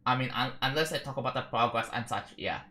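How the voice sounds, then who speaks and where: A young Indonesian livestreamer chats casually with an Indonesian accent, rambling and halting with frequent restarts. His mid-range voice is bright and forceful.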